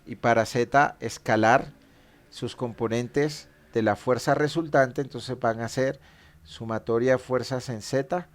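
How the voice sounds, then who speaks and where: A man's voice: mid-range voice, fairly even intonation, unhurried. A man teaching a statics class, explaining equations patiently and stopping to correct his own mistakes.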